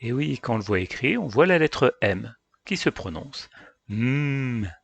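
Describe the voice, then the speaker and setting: Male teacher, patient phonics lesson, deliberate letter sounds, husky voice, dry close sound. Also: medium pitch, no room sound, highs cut off. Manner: slow, carefully sounds out each letter; addresses parents directly, calm and patient. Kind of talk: phonics lesson for young children.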